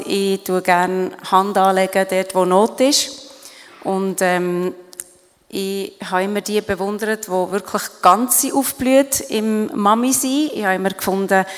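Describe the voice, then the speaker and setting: A middle-aged woman with a Swiss German accent talks as a stage guest, earnest and reflective, often pausing and restarting. Her voice sits in a middle register. The sound carries a long reverb from a large hall. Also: medium pitch. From Switzerland. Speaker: guest speaker. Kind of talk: interview on stage at an event.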